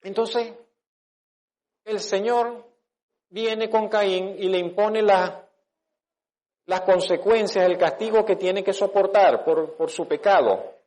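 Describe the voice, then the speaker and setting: A man's voice: high voice, slow pace, pauses often, a little mellow. Conversational man pastor preaching. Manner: conversational preaching with restarts and rhetorical questions. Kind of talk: sermon.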